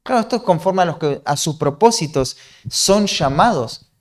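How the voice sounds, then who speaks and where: A man's voice: fairly high pitch, lively intonation, moderate pace. A man from Argentina with a Rioplatense accent, preaching an earnest, explanatory sermon that often checks in with a questioning "¿no?". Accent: Rioplatense Spanish.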